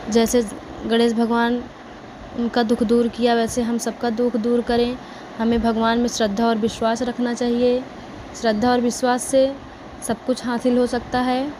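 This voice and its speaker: A woman's voice: on the high side, completely flat delivery, moderate pace, noisy background. A woman with an Awadhi-tinged Hindi accent narrating a devotional folk story in a plain, simple manner.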